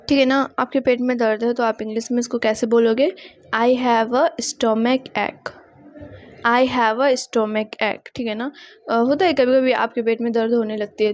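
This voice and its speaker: Brief: young woman, English tutor, slow and clear, slightly high voice, dry close sound. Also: a little mellow, no echo. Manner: slow careful repetition of example sentences; mixes Hindi explanation with English phrases. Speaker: English teacher. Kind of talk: spoken English lesson.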